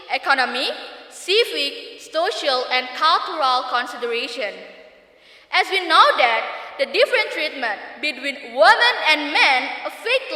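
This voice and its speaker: A woman's voice: high voice, bright, forceful tone. A woman with an Indonesian accent delivering a formal contest speech in a stiff, memorized, declaiming manner with emphatic set phrases. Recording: echoey hall with long reverb.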